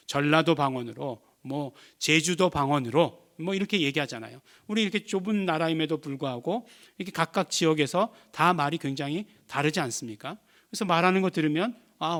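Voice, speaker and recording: Preaching man, a bit high voice. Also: a bit bright. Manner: explanatory, asks the congregation questions and answers them himself; many "eo" and "ye" fillers. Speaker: pastor. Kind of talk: sermon.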